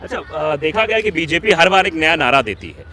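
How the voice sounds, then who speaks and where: Brisk male street reporter. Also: on the high side, very animated, pushed and bright. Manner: prompting, brisk questions with short acknowledgements. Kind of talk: street interview questions.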